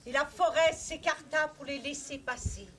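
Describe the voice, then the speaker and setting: A woman storyteller telling a folk tale live at a festival night, lively, with playful asides to listeners. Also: high voice, moderate pace. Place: festival night of tales outdoors.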